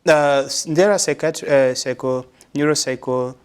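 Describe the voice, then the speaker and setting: Answering interview questions, this Congolese man, a psychologist and religious brother, speaks thoughtfully and deliberately with frequent pauses and fillers. His voice is mid-range, clear, and resonant.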